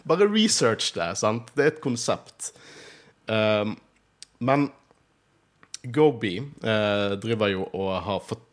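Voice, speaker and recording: A man's voice: fairly low pitch, animated. A man with a Bergen accent, hosting a podcast in casual chat, talkative and laughing often. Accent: Bergen Norwegian. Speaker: podcast host.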